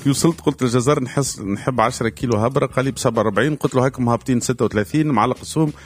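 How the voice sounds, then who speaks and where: A Tunisian man co-hosts a casual radio show. His mid-pitched voice moves quickly, then halts and restarts as he chats. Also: a little hiss or hum. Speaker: radio co-host.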